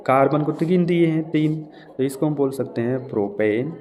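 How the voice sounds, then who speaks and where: A man's voice: medium pitch, moderate pace, a little mellow. A man teaching a chemistry class, explaining step by step and often checking that students follow. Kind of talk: classroom lecture. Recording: long reverb, faint room noise.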